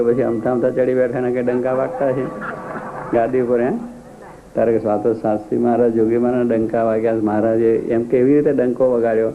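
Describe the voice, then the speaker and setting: A man giving a devotional discourse, telling stories with repeated, emphatic phrases. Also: medium pitch. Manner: storytelling, repetitive emphatic phrasing. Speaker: religious speaker. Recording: tinny phone-like, faint noise.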